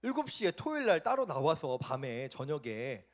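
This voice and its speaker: A young man preaching a sermon to high school students in a church, animated and often questioning his listeners. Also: moderate pace. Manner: animated, questioning the listeners, acting out quoted voices. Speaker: youth pastor. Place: church sanctuary.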